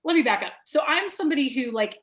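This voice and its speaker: A high-voiced woman chats fast, rapid and animated, with lots of "like" fillers. She's a sales trainer and business owner appearing as a guest in a candid conversational interview.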